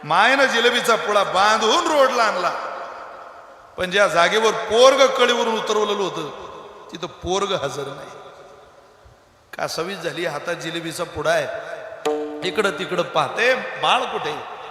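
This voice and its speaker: A male kirtan preacher tells a story and then scolds his audience with dramatic passion. His voice is high and bright, and it rings through a large hall with a long reverb. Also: animated, measured pace, pauses often, faint music behind. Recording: echoey hall.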